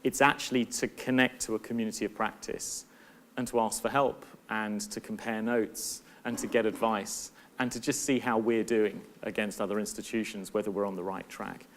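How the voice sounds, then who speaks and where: A man's voice: lowish voice, fairly even intonation, moderate pace, a little hiss or hum. A middle-aged man giving a conference talk as a university professor, earnest and thoughtful, often restarting and repeating words. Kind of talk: conference presentation.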